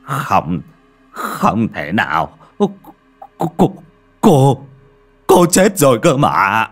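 A man's voice: low-pitched, big pitch swings, normal speed, a bit bright, soft background music. A man voicing a frightened old village man who stammers and hesitates in an audio story.

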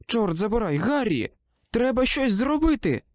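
Man doing a high-pitched frightened young woman. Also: very animated, brisk, no room sound, clean studio sound, exaggerated voice. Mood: desperate. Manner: raised high urgent voice. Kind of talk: audiobook character voice.

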